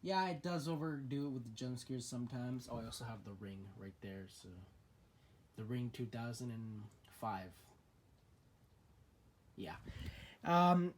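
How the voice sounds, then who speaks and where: A young man talking casually to the camera about his horror collection. He is opinionated and chatty, and often stops and restarts his sentences. His voice sits at an ordinary middle pitch, with a faint hiss behind it. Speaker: vlogger showing his movie collection. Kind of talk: casual collection showcase vlog.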